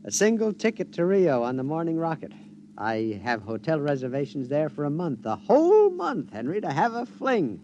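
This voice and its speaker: An actor playing a henpecked husband with a gleeful secret scheme in an old radio drama, excitable, stammering and conspiratorial. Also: male voice, on the high side, moderate pace. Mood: gleeful, excited. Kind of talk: mid-century radio drama acting. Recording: dull, noisy vintage radio recording.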